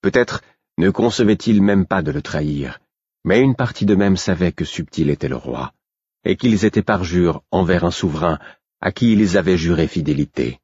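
Deep husky male audiobook narrator. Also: normal speed, no room sound, lo-fi sound. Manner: steady, restrained first-person reading. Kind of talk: scripted narration of a fantasy novel.

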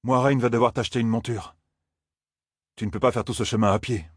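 A man reading an audiobook voices a young apprentice blacksmith who grumbles in an exasperated, gruff way. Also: mid-range voice, steady tone, a little fast, no echo, studio quality, voice pushed up, close to an everyday voice.

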